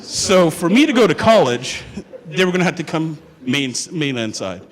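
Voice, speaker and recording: In a long-reverberating hall, a young student from Hawaii shares a humorous story about his life, keeping it chatty, joking around, and asking the crowd questions. He speaks at normal speed in a slightly high, sing-song voice.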